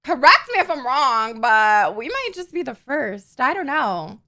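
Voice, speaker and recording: A woman's voice: high-pitched, big pitch swings, a little slow, sharp tone. A young woman hosting a casual podcast chat, giggly and gushing, with lots of "like". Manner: giggly and gushing, says "like" often. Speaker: podcast host.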